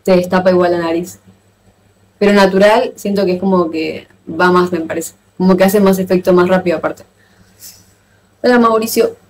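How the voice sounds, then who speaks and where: A woman with an Argentine accent chatting casually with viewers on a live stream, playful and quick to exclaim and laugh. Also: fairly low pitch, fairly even intonation, slight background noise. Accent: Argentine Spanish. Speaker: livestreamer.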